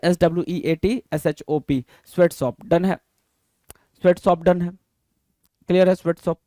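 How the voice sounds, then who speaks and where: A man's voice: sits high, darkish tone, dry recording, clean studio sound. A man teaching a vocabulary lesson for exam prep, quizzing students and spelling words out letter by letter. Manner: reads English definitions slowly.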